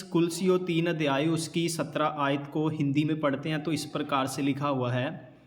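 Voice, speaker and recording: A man delivers a slow, measured sermon as a pastor, posing rhetorical questions and answering them himself. His voice sits a little high for a man, and it rings out with a long reverb tail, as if in a large hall.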